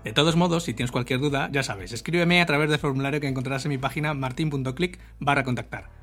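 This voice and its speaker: A man's voice: medium pitch, fast, fairly bright tone, faint music behind. A man hosting a solo podcast, explaining in a casual, chatty way with asides. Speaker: podcast host.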